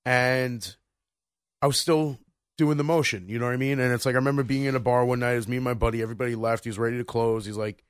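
A man in his thirties chatting on a podcast, with a middle-pitched voice. He rambles and restarts his sentences often, leaning on fillers. The sound is close and dry, with no room around it. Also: fairly even intonation, fast talker, smooth, dry recording. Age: 30s. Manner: rambling, full of restarts and "you know". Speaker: podcast co-host. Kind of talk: casual chat.

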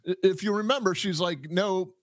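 A man hosting a podcast, commenting on a clip in a joking, halting way with many restarts. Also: sits high, no room sound. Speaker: podcast host, police officer.

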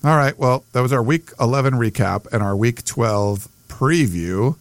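A man's voice: medium pitch, moderate pace, no room sound. An American man co-hosting a sports podcast in casual chat, hesitant and circling back over his phrases.

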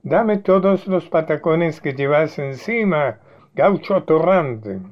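Dude playing a court clown faking a foreign robber, high and blustery, lo-fi sound. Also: male voice, sing-song, unhurried. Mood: blustering. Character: Biguá, male jester mimicking a foreign gringo robber. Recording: dull lo-fi recording.

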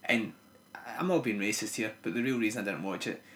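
A man's voice: lowish voice, animated, fairly quick, a bit bright, slight background noise. A man with a broad Scottish accent in casual podcast chat, blunt and sweary. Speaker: podcast co-host. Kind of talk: casual chat about films and music.

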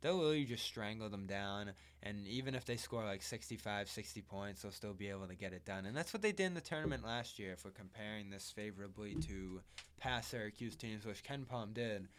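A man co-hosting a casual sports podcast, talking in a steady, easygoing way. He runs through numbers and game analysis in a relaxed conversational flow. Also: on the low side, fairly quick. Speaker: podcast co-host.

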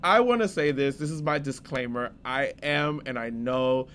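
A man's voice: mid-range voice, moderate pace, a little hiss or hum. A young American man co-hosting a podcast, telling rambling stories in casual chat. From United States. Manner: rambling, animated storyteller. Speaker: podcast co-host.

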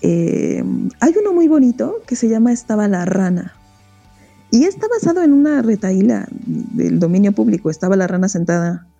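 A woman's voice: mid-range voice, normal speed, creaky, no echo, dull audio, soft background music. A Mexican woman, a guest on a podcast, chatting casually about children's books and animatedly retelling their stories. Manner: animated storytelling, acting out book characters. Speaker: guest expert on children's reading. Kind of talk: casual interview chat.

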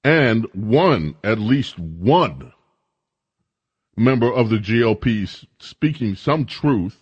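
A man's voice: lowish voice, animated, takes it slowly, breathy edge, dry recording, dull audio. A man hosting talk radio, giving opinionated commentary in a conversational, emphatic way.

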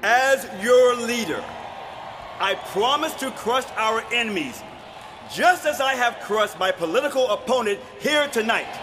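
A man's voice: very high-pitched, sing-song, takes it slowly, few pauses, long reverb tail, heavily acted. A man playing a bloodthirsty, triumphant warlord president, ranting a pompous victory speech in comedy radio. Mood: triumphant, savage. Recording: noisy live rally with roaring crowd.

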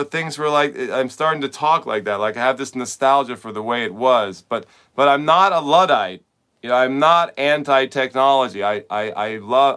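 A man's voice: mid-range voice, a bit bright, clean tone. A middle-aged man, a tennis coach hosting a podcast, talking in a casual, rambling monologue full of repeated words and "like.".

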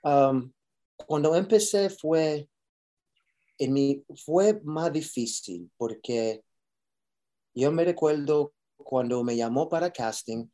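A man who grew up speaking tells his story in halting Spanish and keeps restarting his sentences. His voice is mellow and relaxed. He often slips into phrases in a casual, unpolished way. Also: on the high side. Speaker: actor, interview guest. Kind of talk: casual interview. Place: Los Angeles.

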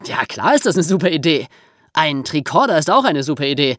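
A woman hosts a podcast for young listeners, explaining things and telling stories conversationally with casual asides. Her low voice is sing-song and a little fast, captured dry in studio quality.

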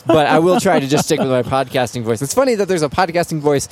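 A man's voice: a little high, expressive, fast talker, a little hiss or hum. A man co-hosting a casual podcast, easygoing and wry, with some filler words, recorded live in a brewery. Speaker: podcast co-host. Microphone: single shared microphone.

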